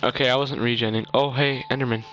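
A man commentating his own gameplay, blurting excitable reactions and jokes at what happens on screen. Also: medium pitch, quick pace, faint music behind. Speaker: gaming commentator. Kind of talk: let's play commentary.

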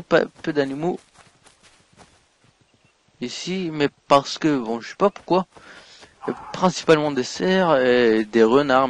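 Excitable French gamer narrating play. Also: male voice, a little high. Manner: excitable, swings from mumbling to loud outbursts. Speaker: gaming YouTuber. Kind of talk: let's play commentary.

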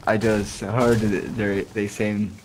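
A man's voice: on the low side, little pitch movement, takes it slowly, slight background noise. Guy streaming a game, laughs a lot, quotes villains, takes his time talking. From Brazil. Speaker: gaming streamer. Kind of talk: casual gameplay chat with character impressions.

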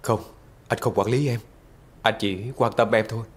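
A hurt boyfriend, low husky voice, quiet and earnest. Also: male voice, steady tone, normal speed. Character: hurt man courting his distant partner. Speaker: partner. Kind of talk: TV drama acting.

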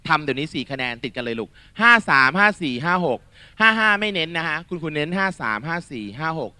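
Guy tutor quizzing a class, super bright forceful voice, kinda high, dry close mic. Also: fast, clean tone, dry recording. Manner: energetic, coaxing, calls students "ลูก", quizzes the class. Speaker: Thai tutor. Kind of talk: exam-prep lecture to students.

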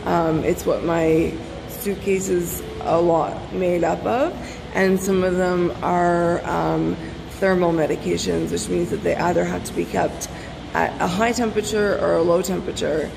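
The recording is echoey and noisy: a woman in her thirties, vlogging, talks casually to a phone held at arm's length in a large indoor hotel pool, with music and pool ambience behind her. She speaks a little slowly in a fairly low, creaky voice with a steady tone.

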